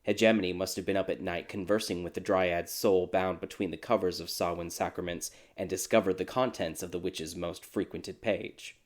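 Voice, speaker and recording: A man narrating a dark fairy tale in a measured, even storytelling manner. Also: low voice.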